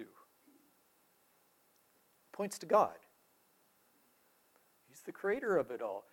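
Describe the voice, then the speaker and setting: Man teaching a group informally. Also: a little high. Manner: rhetorical questions, emphatic stresses, trailing quieter at phrase ends.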